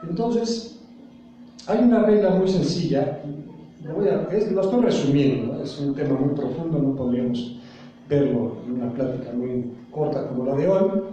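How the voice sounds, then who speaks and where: Male pastor, high voice, quizzes the flock mid-sermon, booming echo off the walls. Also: moderate pace, warm tone, distant mic, lo-fi sound, slight background noise. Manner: asks the congregation questions and leaves blanks for them to fill. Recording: very echoey room, voice from off the mic.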